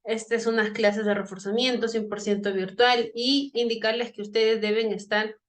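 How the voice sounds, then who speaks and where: Bilingual woman teacher, fairly high voice. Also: level tone, normal speed. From Peru. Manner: bilingual, repeats greetings in English and Spanish. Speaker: English teacher. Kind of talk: online class teaching.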